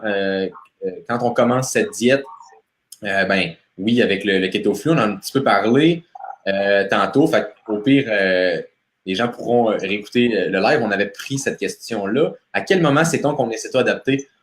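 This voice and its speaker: A man's voice: lowish voice, moderate pace, echoey room, slight background noise. Québécois man hosting a live stream. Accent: Québécois French. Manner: casual, many fillers and restarts. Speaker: host.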